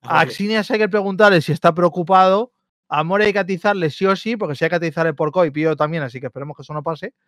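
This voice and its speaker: Smooth-voiced man ribbing his co-hosts. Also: high-pitched, quick pace, a bit bright, dry recording, studio quality. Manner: joking, swears freely, talks over others. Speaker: podcast co-host. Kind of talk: casual esports chat.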